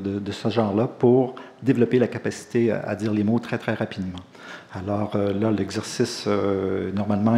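Man, Quebec French accent, public lecture, relaxed and explanatory, low mellow voice.

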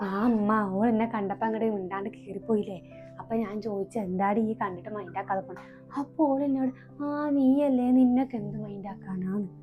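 A woman's voice: medium pitch, fairly quick, phone-quality sound, faint music behind, natural voice. A woman with a Malabar Malayalam accent playing a complaining, taunting grown daughter who visits her family's home, in a comedy skit. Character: spiteful grown daughter, visiting sister-in-law.

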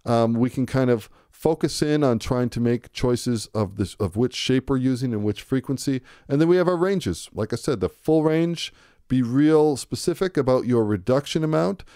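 Mellow-voiced man explaining studio software. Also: medium pitch, normal speed, no echo. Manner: relaxed, conversational, thinking aloud. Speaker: music production tutor. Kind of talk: screen-recorded software tutorial. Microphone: close to a studio microphone.

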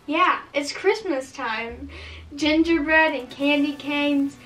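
A woman's voice: sits high, takes it slowly, fairly bright tone. A young woman chatting casually and reading aloud in an everyday, informal way. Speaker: vlogger's companion. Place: small bedroom, indoors, sitting on a bed. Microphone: camera a few feet away. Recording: distant mic in a room, music behind.

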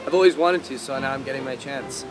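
A man's voice: medium pitch, fast. A young man from Canada speaking in a casual documentary interview about his dragon boat team, recorded outdoors at night on a lapel mic. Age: young adult. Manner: casual, easygoing, says "man" and "like". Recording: music playing underneath.

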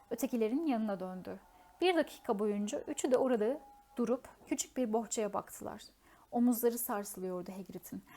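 A woman's voice: fairly high pitch, warm tone. A woman narrating a children's fantasy novel as an audiobook, reading steadily and expressively with a few small slips. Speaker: audiobook reader.

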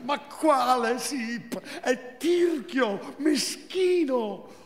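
A male performer voicing a furious young wife who yells shrill accusations, on a live theatre stage. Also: animated, extremely slow, reverberant, long reverb tail, a little hiss or hum, full character voice. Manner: shrill outbursts, yelling accusations.

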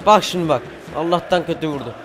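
A teenage boy from Turkey giving excited football game commentary, cheering on his players and shouting at missed chances. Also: a little high, quick pace, some chatter behind, a little hiss or hum. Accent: Turkish. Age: teens. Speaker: gaming YouTuber.

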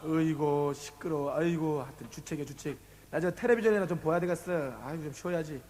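A man's voice: a little high, fast talker, a little mellow. A man with a playing a blustering, grumbling husband in a staged comedy sketch. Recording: reverberant tape recording with faint music.

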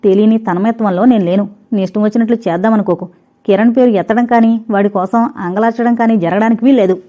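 A woman's voice: medium pitch, fast, mellow, lightly acted. A woman voicing a jealous, suspicious husband who speaks harshly and accuses his wife. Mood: angry. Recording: dull lo-fi recording.

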